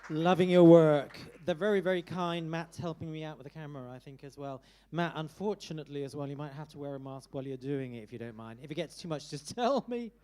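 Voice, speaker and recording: A man's voice: a little high, fast talker, few pauses, dark tone, a little hiss or hum. A man hosting a live musical theatre showcase in a small club, chatty and teasing with the performers. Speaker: host.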